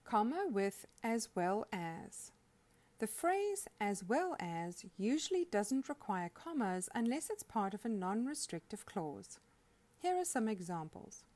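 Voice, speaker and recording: A woman's voice: medium pitch, very animated, unhurried, a little mellow. A woman narrating a scripted grammar lesson, reading example sentences aloud and saying the punctuation marks as words. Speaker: grammar instructor.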